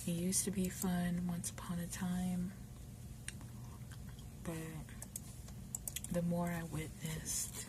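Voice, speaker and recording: Middle-aged woman, whispered ASMR chat, low-pitched, rambling and confiding, keyboard typing and noise behind. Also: little pitch movement, slow pace, pauses often. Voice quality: mostly unvoiced whisper, breaking into soft low voice. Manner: rambling, confiding, often saying "you know". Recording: noisy, keyboard typing and clicking. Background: typing and clicking sounds.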